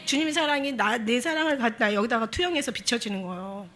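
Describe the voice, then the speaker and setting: A woman's voice: fairly high pitch, expressive, fast talker, a bit bright, soft background music. A woman pastor preaching a Sunday sermon, impassioned and exhorting her congregation with emphatic repetition.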